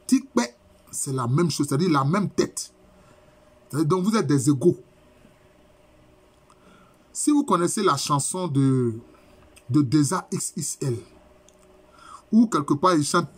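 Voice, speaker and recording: In a university lecture, a middle-aged professor slowly explains each term and repeats key phrases. His husky voice sits fairly high for a man.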